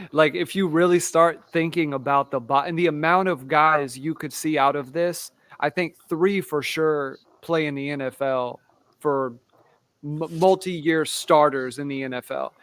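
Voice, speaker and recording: A man on a sports podcast panel, breaking down players and games in animated casual chat. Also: on the high side, dry recording.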